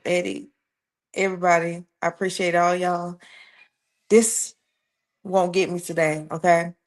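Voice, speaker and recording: A woman hosting a casual livestream interview show, playful and quick to laugh, using easygoing slang. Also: mid-range voice. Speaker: host.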